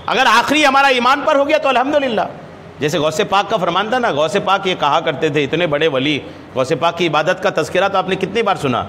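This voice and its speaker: A man with a high, bright voice delivers a religious lesson, drawing out scripture in slow chant before explaining it with rhetorical questions and repeated phrases. His pitch swings widely, and he is recorded with a long hall reverb and faint noise underneath. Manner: chants Arabic hadith text slowly, then explains it in lively repetitive speech. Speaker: religious scholar and preacher. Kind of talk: hadith lesson sermon.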